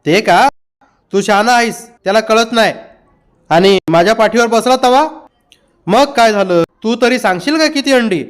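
Male narrator doing a stern village mom in an audiobook, firm and chiding, high-pitched. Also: moderate pace, natural voice. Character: village mother, firm and scolding.

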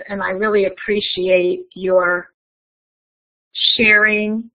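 A woman with a gravelly, mid-range voice gives a conference keynote as a webinar. She's friendly, steering the audience through an interactive activity, and the audio sounds tinny, like a phone line.

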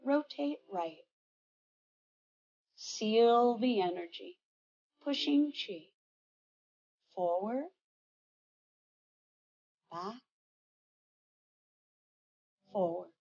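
An older woman instructor calling out tai chi movements in serene, measured short phrases. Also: fairly high pitch, animated, a little mellow, lo-fi sound.

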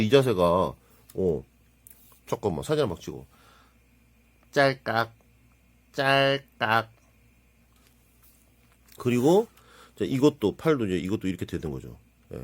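A man talks casually over a hobby model build, exclaiming and muttering as he fiddles with small parts. His voice is slightly husky and swings widely in pitch, jumping up with excitement and sinking into low asides. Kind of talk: casual hands-on hobby narration.

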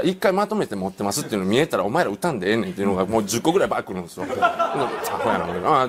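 A middle-aged man with a Kansai accent, spinning a comic tale at a rapid clip. His pitch leaps up and down as he mimics the people in his story, keeping the telling lively and animated. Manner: animated, acts out quoted voices, rapid delivery. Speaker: comedian telling an anecdote. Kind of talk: comic storytelling on a panel show.

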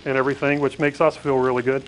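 On a studio kitchen set indoors, a middle-aged restaurant owner from Pennsylvania guests on a TV cooking segment, talking fast and flatly in a mid-range voice. He rambles with plenty of fillers and repeated words, while background noise and the faint sizzle of frying food play behind him.

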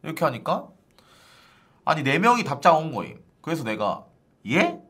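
A man's voice: a little high, very animated, moderate pace, a bit bright. A male streamer ranting to his viewers in casual live-stream chat, exasperated and starting lines over and over. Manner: exasperated, ranting, repeats "아니" constantly.

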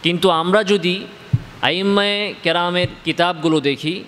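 A man from Bangladesh teaching Quranic letter pronunciation in a slow spoken lesson. He asks his listeners questions, answers them himself, and draws out each letter sound. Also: high voice, fairly even intonation, fairly bright tone, big-room sound, slight background noise.

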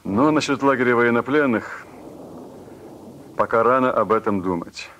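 An actor playing a middle-aged, authoritative Red Army commander speaking deliberately in a war film. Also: male voice, medium pitch, a bit bright, slight background noise, natural voice. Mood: stern, measured. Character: stern, measured senior Red Army commander.

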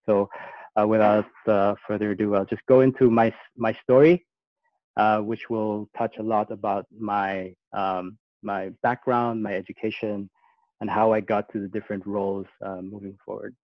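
An Austrian-born man gives a casual talk as a guest speaker over a video call, hesitant and full of fillers and restarts. His lowish voice keeps a level tone at a moderate pace, and the audio is muffled and dry with no echo.

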